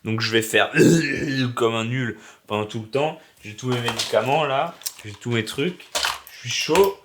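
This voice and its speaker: Man, casual game-dev vlogger, sick and coughing, slangy and self-mocking, rambles on, mid-pitched voice. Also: a little slow, background noise. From Alsace, France. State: sick with a sore throat, coughing. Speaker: hobby game developer vlogger. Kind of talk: casual vlog chat.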